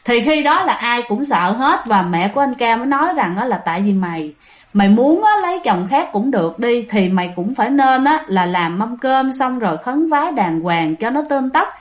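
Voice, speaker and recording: A woman's voice: on the high side, expressive, normal speed. A woman casually narrating a ghost story, chatting directly to her listeners with lots of fillers.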